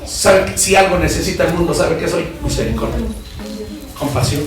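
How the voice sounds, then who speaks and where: A man with a Mexican accent, a pastor preaching a fervent sermon that moves from quiet asides to shouted emphasis and questions to the congregation. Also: on the high side, moderate pace. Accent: Mexican Spanish. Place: church hall. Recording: echoey room from far off.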